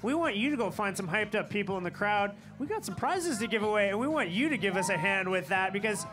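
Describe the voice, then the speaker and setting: A man doing live sports commentary at an outdoor ski event, upbeat and quick to cheer people on. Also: sits high, animated, music in the background.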